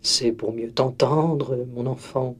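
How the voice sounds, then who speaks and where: A man voicing a sly, hungry wolf pretending to be a grandmother in a storybook, speaking in a soft, coaxing way. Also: mid-range voice, fairly even intonation, takes it slowly.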